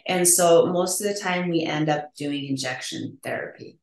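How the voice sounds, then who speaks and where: Woman clinician explaining in an echoey room. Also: sits low. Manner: explanatory, practical, quick to laugh. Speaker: testosterone therapy clinician. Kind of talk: podcast interview. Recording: roomy echo.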